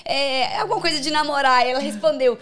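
Mulher host brincalhona falando de pets, tom agudo. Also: female voice, high voice, fast talker. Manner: playful, relaxed chatter. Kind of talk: casual chat.

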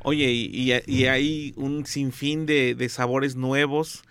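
A man's voice: mid-range voice, fairly even intonation, takes it slowly, a bit bright, slight background noise. A man with a Mexican accent hosting an interview, chatting in a friendly way and adding frequent affirming interjections. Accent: Mexican Spanish. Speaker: podcast host. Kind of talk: conversational interview.

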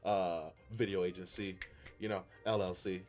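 A man's voice: low-pitched, steady tone, moderate pace, darkish tone, faint music behind. A man co-hosting a casual podcast chat, telling a story earnestly with lots of restarts. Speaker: podcast co-host.

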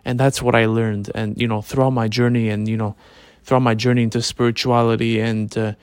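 A man talking in a relaxed way, as if lying in bed, in a casual, reflective late-night monologue with informal slangy phrasing. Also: medium pitch, fairly quick, clear, resonant tone, no room sound. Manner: informal slangy talk with swearing. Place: in bed at home.

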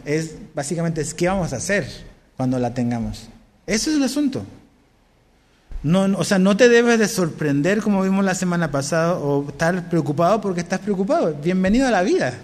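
A man preaching a sermon as pastor, conversational and often asking his listeners questions. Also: high voice. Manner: conversational, asks the congregation questions. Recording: long hall reverb.

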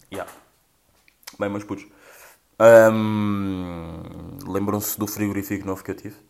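A man's voice: on the low side, steady tone, takes it slowly, gravelly. A young man with a European Portuguese accent, hosting a casual commentary and ranting with profanity and mockery. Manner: profane, rambling, mocking. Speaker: host reacting to social media clips.

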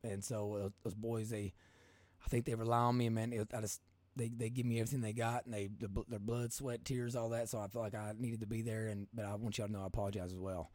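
A man with a Kentucky accent and a hoarse smoker's rasp, hosting a casual podcast in a folksy, rambling, colloquial way. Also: fairly low pitch, flat delivery, quick pace, darkish tone, no echo. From Kentucky, United States. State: hoarse from coaching. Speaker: podcast host.

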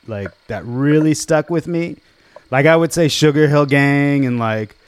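Forties male guest, smooth tone, loose conversational delivery. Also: on the high side, a little slow, no room sound. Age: 40s. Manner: rambling, full of "like" and "you know". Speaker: guest musician. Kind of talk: casual interview chat.

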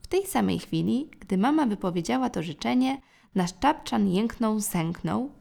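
A woman narrating a children's storybook in a gentle, expressive way. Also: medium pitch, moderate pace, creaky. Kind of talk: storybook reading.

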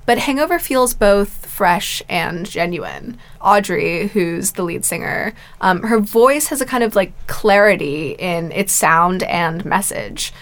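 A woman's voice: mid-range voice, animated, slow, hardly any pauses, a bit bright. A young woman co-hosting a music discussion, reflecting on a song with casual fillers. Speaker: co-host.

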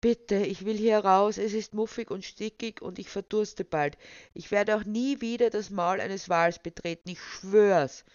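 A reader voicing a trapped, irritable man who shouts for help and pleads to be let out, in a dull, dry recording. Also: medium pitch, animated, moderate pace, no echo, natural voice. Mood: pleading.

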